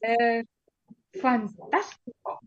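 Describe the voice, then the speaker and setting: A woman teacher telling a story to children, animated and exclamatory, asking them questions as she goes. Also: on the high side, extremely slow, muffled recording.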